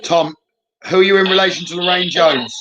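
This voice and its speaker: Male live-stream medium, fairly high voice, dull lo-fi sound, short repeated questions as if running a séance. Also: a little fast, bright, forceful tone, soft background music. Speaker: spirit medium hosting a live session. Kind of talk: live spirit box session, calling out questions.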